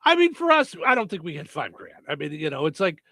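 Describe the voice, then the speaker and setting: A man's voice: fairly high pitch, huge pitch swings, fast, sharp tone, no echo, studio quality. A man hosting a radio show in a casual, chatty style. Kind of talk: casual radio banter and phone-in quiz.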